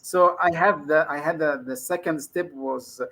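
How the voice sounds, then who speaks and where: Speaking at a normal pace, an Egyptian guest trainer with a fairly bright, somewhat high voice chats through a relaxed live interview. A native Arabic speaker with an Egyptian accent, he laughs readily and keeps dropping "you see" into his talk.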